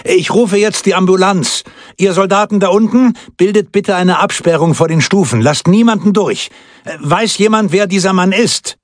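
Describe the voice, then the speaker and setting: A male audiobook reader voicing a male police chief who calls out orders loudly to a crowd, with a husky voice. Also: high-pitched, normal speed, no echo, pitched above the performer's own voice, close to an everyday voice. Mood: commanding.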